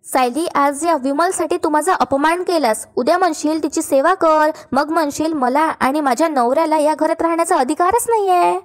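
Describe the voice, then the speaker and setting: A high-voiced, quarrelsome young wife, read by a woman, firing off sharp accusations. She is scheming and self-pitying by turns, recounted from a television serial. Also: moderate pace, close to an everyday voice. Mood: accusing.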